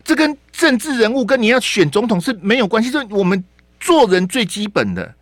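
一位带台湾口音的男电台主持人，语气激动地评论时事，常连声反问、重复字句。. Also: male voice, high voice, very animated, a little fast, fairly bright tone, no echo. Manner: heated, rhetorical questions, repeats words. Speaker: radio talk show host. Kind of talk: opinionated political commentary. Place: radio studio.

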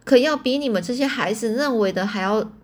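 A wise old grandmother speaks softly and a touch lower, as a woman reading a storybook puts her on. The voice stays gentle and plain, barely acted. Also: brisk, close to an everyday voice. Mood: knowing. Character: knowing, kindly old grandmother.

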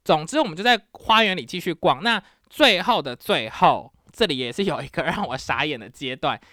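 Animated woman telling dating stories. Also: deep voice, fairly quick, no echo, studio quality. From Taiwan. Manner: animated, exclamatory, with English words mixed in. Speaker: podcast host. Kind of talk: casual storytelling.

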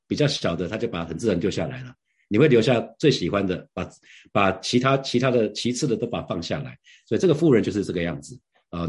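A middle-aged pastor gives a devotional Bible sharing in an earnest, conversational way. His voice sits low and has a husky, slightly breathy texture. He keeps turning to the listeners with rhetorical questions. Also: darkish tone.

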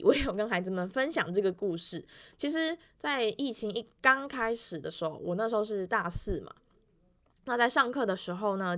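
A woman's voice: mid-range voice, a bit bright. Young woman teacher chatting, many fillers. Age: 20s. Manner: acts out children's voices in quoted lines. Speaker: elementary music teacher. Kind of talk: casual weekly vlog monologue.

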